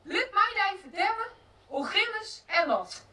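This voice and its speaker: A woman's voice: very high voice, very animated, measured pace, full character voice. A woman playing an emotional runaway wife. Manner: theatrical, laughing and exclaiming. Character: restless woman fleeing her husband, emotional. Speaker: stage actor. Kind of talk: open-air theatre acting. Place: outdoor stage. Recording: distant outdoor stage recording, faint noise.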